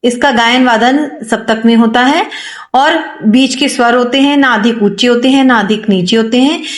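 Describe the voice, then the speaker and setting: This is a female music teacher with a fairly high pitch, heard in a room with echo. Her lesson explanation runs like a classroom talk: she raises questions, answers them herself, and restates what matters most.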